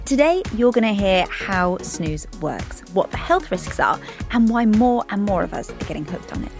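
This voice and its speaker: A woman's voice: mid-range voice, animated, moderate pace, music in the background. A woman presenting a scripted news podcast and questioning a guest as host.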